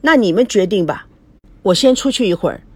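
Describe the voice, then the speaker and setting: A woman voicing a sulky young bride in an audiobook, plaintive and a little higher than her narration. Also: expressive, a little fast, breathy edge. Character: sulky young bride, quick to take offense.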